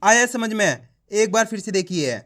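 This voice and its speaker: A man's voice: high voice, animated, normal speed, fairly bright tone. A man teaching reading online, sounding out words syllable by syllable, drawing out each finished word, and coaxing the viewer directly.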